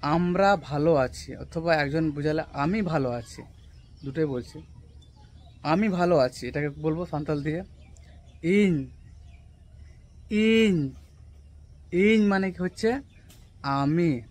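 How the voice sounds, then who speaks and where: A young man whose first language is Santali, casually teaching words on an outdoor rooftop vlog, repeating each word slowly and often checking if listeners follow. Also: on the high side, a little mellow. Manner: slow, drawn-out repetition of taught words, often asking "right?". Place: rooftop outdoors on a cloudy day.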